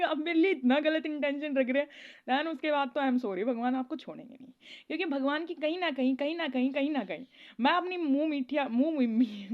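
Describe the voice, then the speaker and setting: A woman talking casually in a spiritual advice vlog, rambling and chatty, often laughing as she tells stories. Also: high voice. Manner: rambling, chatty, keeps asking "okay?". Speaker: spiritual content creator. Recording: dull lo-fi recording.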